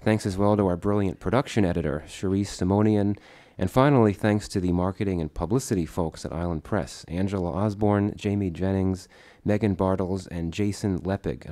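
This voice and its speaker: A man's voice: low-pitched, fairly even intonation, a little fast, few pauses, mellow. A man with a congested, slightly distorted head-cold voice gives a formal prepared speech at a book launch. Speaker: book co-editor, speaker at launch. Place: conference room before an audience.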